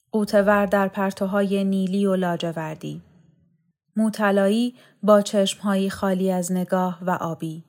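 A woman narrating a novel aloud as an audiobook reader, calm and measured. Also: mid-range voice. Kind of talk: scripted literary narration.

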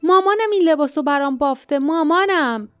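A woman's voice: sits high, lively intonation, darkish tone, no room sound, soft background music, pitched above the performer's own voice. Woman voicing a frightened pleading teenage boy. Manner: pleading, crying out.

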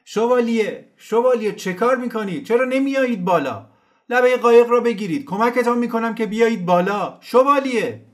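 A man voicing a young nobleman who shouts frantically from a boat. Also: extremely high pitch, lively intonation, voice pushed up. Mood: frantic.

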